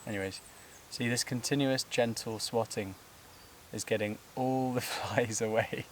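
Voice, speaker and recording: In a mid-range voice with fairly even intonation and a measured pace, a man vlogs while climbing a steep outdoor trail. Short of breath, he rambles loosely to the camera with fillers and laughs, over buzzing insects and a slight hiss or hum.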